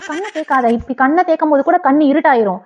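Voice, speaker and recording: A woman's voice: sits high, fast talker, highs cut off, a loud crowd. A young woman pranking her husband in a vlog, bossy and possessive, repeating orders over and over.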